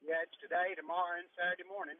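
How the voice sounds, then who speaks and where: This chatty magician and comedian has a high, level voice and races along during a casual phone interview from his car. He's on a cell phone, and the tinny line with faint noise makes him sound muffled, as if talking through a tube, with a dry recording.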